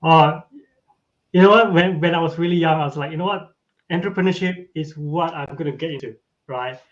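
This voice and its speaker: A man's voice: on the high side, brisk. A man, a podcast guest chatting casually about his life and tagging his sentences with "right?". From Malaysia. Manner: tags sentences with a questioning "right?". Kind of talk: casual interview chat. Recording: dull lo-fi audio.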